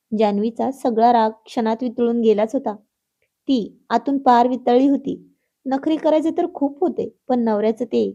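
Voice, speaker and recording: A woman storyteller reading a family story aloud in a gentle, expressive way. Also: fairly high pitch, highs cut off. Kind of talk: scripted story narration.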